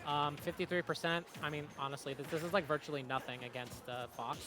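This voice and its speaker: A young man calls a fighting game tournament live, excitable and quick to react, with plenty of fillers between his reads of the action. His voice sits a little higher than most, and music plays behind the commentary. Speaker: esports commentator.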